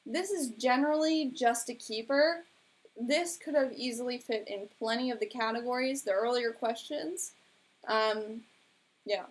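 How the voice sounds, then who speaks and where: Chatty young woman, slightly high voice. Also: a little slow. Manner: chatty and rambling, heavy use of "like". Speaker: beauty vlogger hosting a live stream. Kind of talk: casual live-stream chat about makeup.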